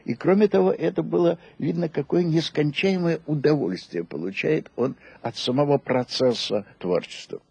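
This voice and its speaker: An older man reminiscing in an interview, halting and deliberate, with emphatic descriptions in a gravelly, husky voice. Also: on the high side, a little mellow, no echo. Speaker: interview guest.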